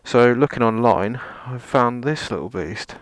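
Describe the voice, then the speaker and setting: Speaking at a measured pace with a medium-pitched voice and no echo, a motovlogger presents a casual gear-test vlog. He rambles, puts himself down, and mixes in dry sarcasm and mild swearing.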